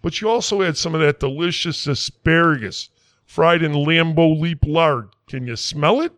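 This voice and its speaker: Guy doing a rambling quack doc, folksy and sure of himself, fairly high voice. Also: moderate pace, a bit bright, no echo, studio quality, natural voice. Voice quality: folksy, rambling, self-assured. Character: folksy small-town Wisconsin "doctor", middle-aged man. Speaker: comic character in a mock interview.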